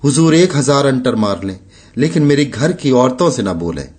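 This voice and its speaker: A man's voice: medium pitch, big pitch swings, moderate pace, a little mellow, lightly acted. A man voicing a pleading poor laborer. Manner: pleading, humble. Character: desperate male laborer pleading with his boss.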